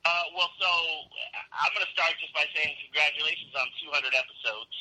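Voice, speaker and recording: A man's voice: fairly high pitch, a little fast, sharp tone. A man calling in on speakerphone during a casual chat, putting laid-back questions to the group. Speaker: caller. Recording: muffled phone line, dry.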